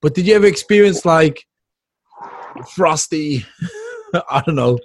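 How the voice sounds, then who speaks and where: A man's voice: on the high side, huge pitch swings, slow, dry recording. A man hosting a casual podcast chat, asking questions and laughing often.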